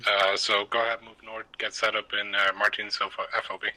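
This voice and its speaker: A man's voice comes through a distant in-game radio, giving terse commander's orders in clipped military radio protocol. His tone is low-pitched and very sharp and tense. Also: level tone, brisk.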